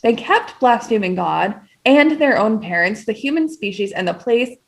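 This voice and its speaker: A woman's voice: a little high, expressive, normal speed, creaky. A woman hosting a casual podcast, retelling an old poem in slangy paraphrase and reading passages aloud. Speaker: podcast host.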